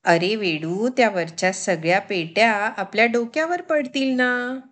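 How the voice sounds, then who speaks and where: A woman's voice: mid-range voice, unhurried, a bit bright, natural voice. A woman voicing a mother who firmly warns and coaxes her young son. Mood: scolding. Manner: firm, scolding, then coaxing.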